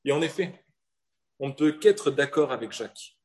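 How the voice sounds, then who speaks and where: A man from southern France preaching a sermon in an earnest manner, with rhetorical questions and slowed-down emphasis. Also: mid-range voice, expressive. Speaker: pastor.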